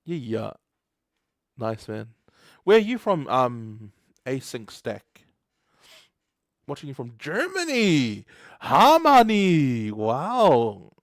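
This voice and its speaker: A chatty new guy from New Zealand hosts a casual live coding stream, laughing a lot and reading the chat out loud. His medium-pitched voice swings hugely in pitch, and he speaks slowly with frequent pauses. The recording is dry and studio quality.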